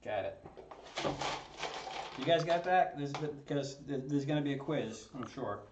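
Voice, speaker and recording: Assembling a 3D printer kit for his maker channel, this man jokes about himself and chuckles a lot as he talks casually from his basement workshop at home. His voice sits on the high side, lively but a little slow, over a noisy background. The camera on a tripod across the table gives a distant, roomy and somewhat dull recording.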